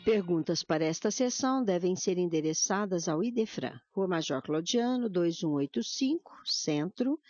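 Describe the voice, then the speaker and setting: A woman announcer reading contact details and listening info in a measured way. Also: medium pitch, darkish tone, no room sound. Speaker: radio announcer. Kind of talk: radio announcement. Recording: dry lo-fi radio recording.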